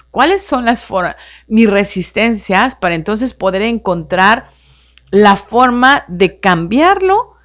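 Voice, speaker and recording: A woman hosting a live radio show on personal growth, coaching listeners with a string of rhetorical questions. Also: lowish voice. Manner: animated coaching tone, rhetorical questions, frequent "entonces" and "no?". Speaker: radio host.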